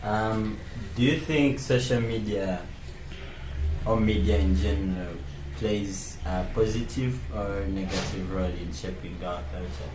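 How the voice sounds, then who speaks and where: A man from Uganda interviewing a guest, asking soft-spoken questions with short fillers in between. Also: lowish voice, measured pace. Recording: echoey room with faint noise.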